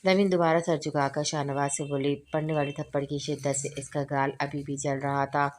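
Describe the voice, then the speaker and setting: Woman, audiobook narration, romance novel, deep voice, monotone, voices all characters herself. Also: moderate pace, slight background noise. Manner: reads every character's lines in her own voice. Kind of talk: reading a romance novel aloud.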